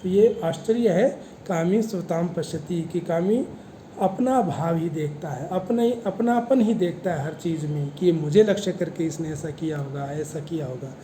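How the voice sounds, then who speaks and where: A man lecturing on a Sanskrit verse, slowly reciting each phrase and then explaining it at length with pauses and fillers. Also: fairly high pitch, mellow. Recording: roomy echo with faint noise.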